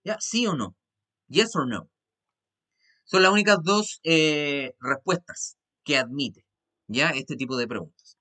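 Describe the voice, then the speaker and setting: A man with a Chilean Spanish accent teaches an English class online, walking through each step patiently and often pausing to check that everyone follows. His voice is bright and a little high for a man. He drops into slow, careful English for the example sentences. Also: expressive. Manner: patient, repeats "¿ya?" to check understanding; switches between Spanish and slowly spoken English.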